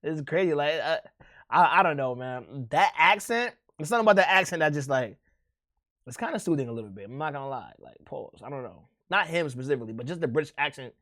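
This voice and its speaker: A man streaming and chatting casually with his viewers, speaking in a slangy drawl that often trails off quietly. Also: on the high side, expressive, quick pace. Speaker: streamer reacting to a video. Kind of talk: casual chat.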